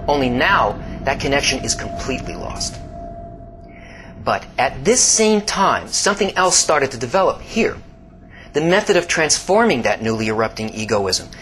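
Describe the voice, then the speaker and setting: A man giving slow, scripted documentary-style narration, swinging between hushed low passages and emphatic rises. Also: soft background music, rough recording. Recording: steady background hiss.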